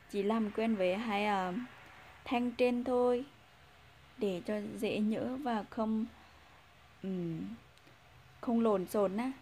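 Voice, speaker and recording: A woman teaching a casual language lesson, patient, repeating example sounds and pausing with fillers; Vietnamese is her first language. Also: medium pitch, darkish tone, slight background noise.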